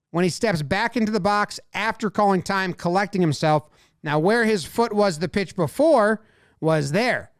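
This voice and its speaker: A man's voice: high voice, clear, resonant tone, no room sound, studio quality. A man giving a casual, blunt and sometimes profane breakdown of baseball footage, thinking aloud as he goes. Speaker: baseball video analyst. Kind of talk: casual sports breakdown commentary.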